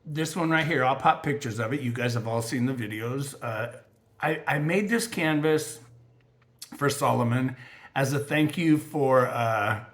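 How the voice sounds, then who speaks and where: A man's voice: mid-range voice, unhurried, a bit bright. Chatty man with a scratchy voice. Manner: chatty, rambling, with frequent fillers. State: scratchy voice from allergies. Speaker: craft channel host. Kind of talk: casual vlog chat.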